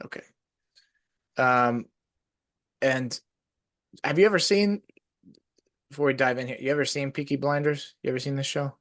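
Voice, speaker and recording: A male podcast host chats casually, rambling through long stories packed with "like" fillers. His medium-pitched, slightly bright voice moves at a moderate pace and pauses often.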